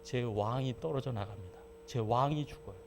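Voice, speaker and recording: A male pastor preaching a sermon who moves between loud fervent exhortation and relaxed, chatty storytelling. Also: medium pitch, moderate pace, slight background noise. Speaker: senior pastor.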